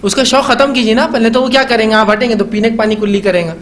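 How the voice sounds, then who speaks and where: A man's voice: sits high, steady tone, quick pace, fairly bright tone, a little hiss or hum. A male Islamic preacher giving a conversational religious talk on parenting, often asking rhetorical questions and briefly acting out what parents say to children. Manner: acts out parents' voices when talking to children.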